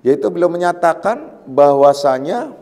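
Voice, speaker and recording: A man's voice: on the high side, lively intonation, moderate pace, darkish tone, long reverb tail. A man giving a religious study lecture as a Sufi teacher, explaining patiently, repeating key phrases and warning emphatically. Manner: explains patiently with repetition and everyday examples; warns emphatically. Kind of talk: religious lecture on a classical text.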